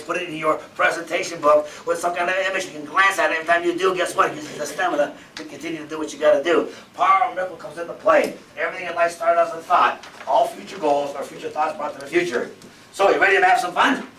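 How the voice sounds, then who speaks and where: A man's voice: a little high, sharp tone. Man, 50s, motivational seminar speaker; emphatic, repetitive, rhetorical; echoey room, mic at a distance. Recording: roomy, from far off, faint background noise.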